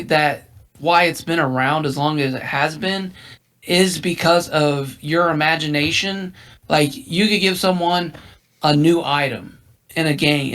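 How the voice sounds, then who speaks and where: A man's voice: on the high side, fairly bright tone. A man co-hosting a casual gaming podcast, losing his voice, rambling with many restarts. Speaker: podcast co-host.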